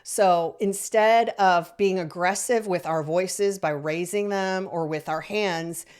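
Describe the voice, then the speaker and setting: A woman's voice: lowish voice, takes it slowly, darkish tone, smooth. Encouraging woman coaching parents. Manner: encouraging, repeats points and checks in with "okay?". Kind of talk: instructional talk to parents.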